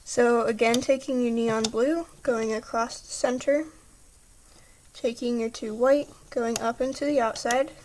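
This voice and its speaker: A woman's voice: fairly high pitch, fairly even intonation, a little slow, darkish tone, a little hiss or hum. A woman patiently talking through a step-by-step craft tutorial, chatty, with small slips, apologies and a slightly throaty voice.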